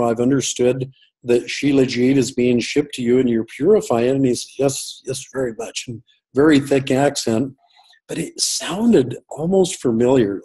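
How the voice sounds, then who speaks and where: A man's voice: mid-range voice, warm tone, breathy edge, rough recording. A man telling a long personal story as an interview guest over a call, rambling with many fillers and restarts. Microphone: call audio.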